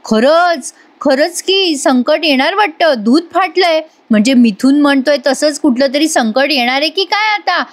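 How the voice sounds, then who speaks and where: A woman's voice: high voice, animated, normal speed, pitched above the performer's own voice. A woman voicing a clever, fretful aunt in a retold serial scene, fussing anxiously. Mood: alarmed.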